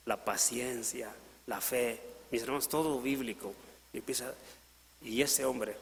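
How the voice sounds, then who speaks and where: A man's voice: medium pitch, a bit bright, big-room sound, a little hiss or hum. A man preaching a sermon in Latin American Spanish, retelling a parable and briefly voicing its characters. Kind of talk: sermon storytelling. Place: church.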